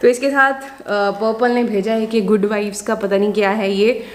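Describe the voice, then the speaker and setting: A woman chatting casually through a beauty product haul, mixing in English phrases and pausing often with filler sounds. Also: mid-range voice, fairly even intonation. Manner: mixes Hindi and English, many filler sounds. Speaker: beauty vlogger.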